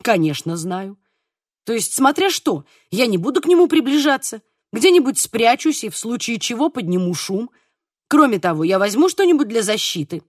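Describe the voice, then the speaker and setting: A woman's voice: on the high side, very animated, normal speed, dry recording, clean studio sound. A woman voicing an earnest, resolute young man.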